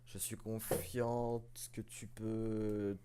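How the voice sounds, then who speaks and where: A man voicing a caring mother in a video game, reading her lines slowly and haltingly. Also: lowish voice, little pitch movement, noisy background. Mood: tender. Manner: halting, slow reading with fillers. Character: caring mother sending her child away.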